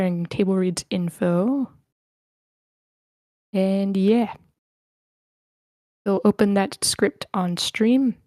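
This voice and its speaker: A woman with a mellow, somewhat low voice hosts an online script table read, chatting informally as she sorts out the cast. There is no room sound.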